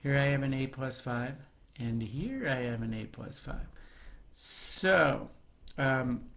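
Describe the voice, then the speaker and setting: A man's voice: mid-range voice, vocal fry, a bit bright. A man teaching a recorded math lesson, talking students through the steps in a chatty way with jokey asides.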